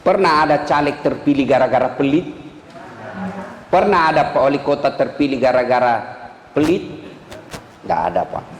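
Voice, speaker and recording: A man preaching a humorous sermon, animated, joking with the audience and firing off rhetorical questions. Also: mid-range voice, normal speed, long pauses, slight background noise. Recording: echoey hall reverb.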